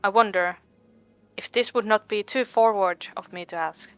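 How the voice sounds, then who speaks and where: A woman's voice: medium pitch, moderate pace, smooth, no room sound, faint music behind, lightly acted. A woman reading aloud the lines of a formal official who asks heroes for help, in an earnest, slightly stiff manner with stumbles over names. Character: formal, grateful official asking heroes for aid. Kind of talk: reading game dialogue aloud. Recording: dull lo-fi mic.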